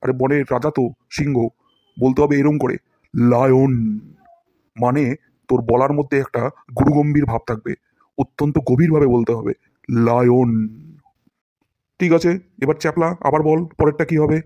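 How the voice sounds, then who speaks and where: A man's voice: on the high side, fairly even intonation, fast, a little mellow, dry recording, lo-fi sound, lightly acted. A man playing a pompous scolding cartoon teacher. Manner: pompous, scolding, theatrical demonstrations of words. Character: boastful, scolding male English teacher. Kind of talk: cartoon voice acting.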